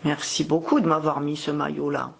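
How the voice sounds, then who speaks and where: A woman's voice: deep voice, level tone, normal speed, creaky. A mother talking casually over the phone with her young child, in a playful, encouraging way. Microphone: telephone call.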